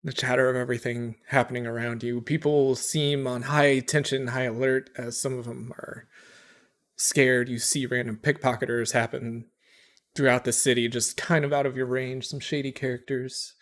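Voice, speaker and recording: A man's voice: mid-range voice, level tone, normal speed. A man narrating as game master, describing scenes in a loose, rambling way. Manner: casual, rambling with restarts.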